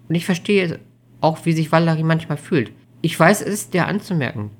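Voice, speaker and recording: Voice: lively intonation, a little fast, close to an everyday voice. A reader doing a timid, tearful young woman. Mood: anxious. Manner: high, trembling, hesitant with restarts. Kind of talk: audiobook reading.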